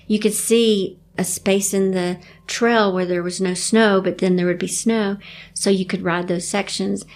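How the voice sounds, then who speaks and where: A woman telling her story in a casual interview, animated and laughing often. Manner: animated, laughs often, acts out quotes in a high voice. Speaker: guest.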